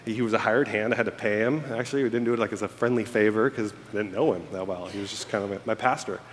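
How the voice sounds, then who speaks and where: His voice sits on the low side, with fairly even intonation and a quick pace, over slight background noise. He is a church staff member in his thirties, born in Egypt and raised in America, bidding farewell to his congregation from a church auditorium stage with candid, self-deprecating stories and frequent fillers. The big hall's long reverb and the audience's laughter fill the recording.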